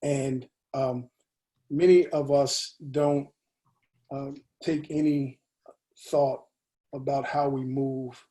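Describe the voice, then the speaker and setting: Slow, deliberate man leading a discussion. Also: medium pitch, fairly even intonation, mellow. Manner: slow, deliberate, many pauses and fillers. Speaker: discussion leader. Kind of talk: book discussion over video call. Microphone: video call.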